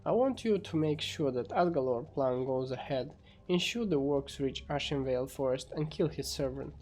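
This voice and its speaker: A man's voice: medium pitch, expressive, moderate pace, a little mellow, soft background music, natural voice. A man voicing a menacing, threatening demon master with grand, ominous commands in an amateur fantasy game story. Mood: commanding.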